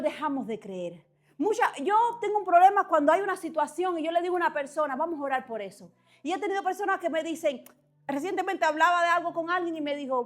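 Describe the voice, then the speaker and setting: A woman delivers a sermon in a bright, high voice. She preaches with passion, swinging from quiet, measured pauses to loud, urgent exhortations.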